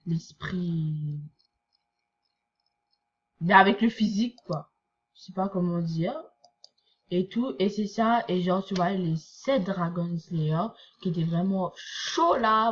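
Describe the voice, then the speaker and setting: Her voice is fairly low and a little mellow, recorded with the highs cut off and a bit of background noise. She's a young anime reaction vlogger from Quebec with a Québécois French accent, casually reading and reacting to a manga chapter with lots of fillers and rambling asides.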